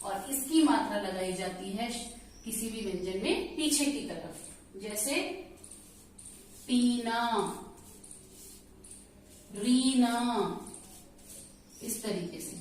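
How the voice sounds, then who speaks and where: Female teacher, higher voice, slow and patient classroom delivery, distant mic with heavy room echo. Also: a little mellow, a little hiss or hum. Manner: slow, patient explaining with questions to pupils. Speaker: school teacher. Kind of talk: classroom lesson. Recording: very echoey room, voice from far off.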